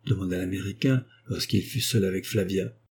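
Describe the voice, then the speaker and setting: Man reading an old novel out loud, low mellow voice, bit husky. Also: moderate pace. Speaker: audiobook narrator. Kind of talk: scripted narration.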